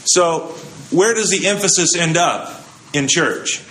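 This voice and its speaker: A male pastor preaches conversationally, asking the congregation questions and then answering them himself. His voice sits on the high side, slow and a bit bright, with slight background noise.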